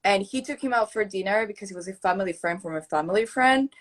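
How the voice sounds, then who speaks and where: A young Argentinian woman, a native Spanish speaker with a mixed Argentinian accent, joins a live video call as a guest influencer. She speaks quickly at a medium pitch and laughs often as she chats.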